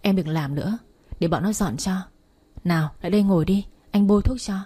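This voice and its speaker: A woman's voice: medium pitch, fairly quick, warm tone, breathy edge, lightly acted. A woman voicing a cocky young male gang boss who teases and bosses around the woman he is courting. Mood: teasing. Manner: teasing, bossy tenderness.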